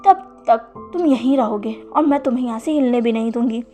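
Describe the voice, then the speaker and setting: Caring older sister, high-voiced, coaxing and insistent in a storybook reading, as a woman narrator voices her. Faint music runs underneath. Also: brisk, warm tone, natural voice.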